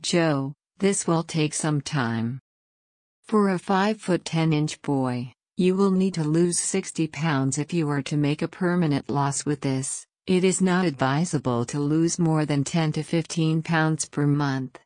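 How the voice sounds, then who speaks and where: A woman's voice: low-pitched, a little slow, darkish tone, dry recording, studio quality. A woman giving scripted instructions straight to the listener in a strict, commanding, condescending manner. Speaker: dominant trainer in audio recording. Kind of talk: scripted direct-address narration.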